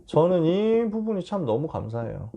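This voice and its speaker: Gravelly, animated male pastor. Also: a little high, moderate pace, highs cut off, soft background music. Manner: casual and animated, acting out scenes. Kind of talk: storytelling sermon to teenagers.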